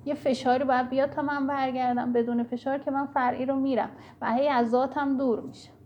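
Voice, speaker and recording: A woman's voice: high-pitched, little pitch movement, dull audio, a little hiss or hum. A woman giving an earnest spiritual teaching talk, speaking directly to her listeners in an instructive way.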